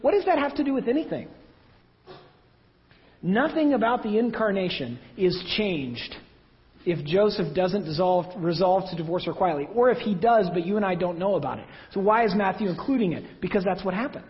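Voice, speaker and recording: A man's voice: high voice, animated, a little fast. A man preaching a sermon in a church, talking in a conversational way with self-deprecating asides. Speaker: pastor. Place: church hall. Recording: dull sound with long hall reverb.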